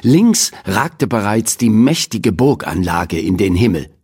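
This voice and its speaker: Husky, lively male audiobook narrator. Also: fairly low pitch, measured pace. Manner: lively, expressive storytelling. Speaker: audiobook reader.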